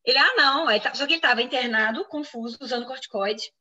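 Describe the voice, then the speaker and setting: A woman's voice: a little high, fast talker, highs cut off. A woman physician in an interview, explaining a medical case and acting out what others said. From Brazil. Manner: explanatory, quoting others in lively reenactment. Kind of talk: interview answers, personal medical account.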